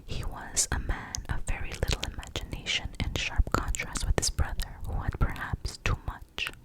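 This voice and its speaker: Semi-inaudible close-up ASMR whisper, reading a novel. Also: poor audio. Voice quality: soft, breathy, semi-inaudible unvoiced whisper. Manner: close-up whispering, murmured and hushed.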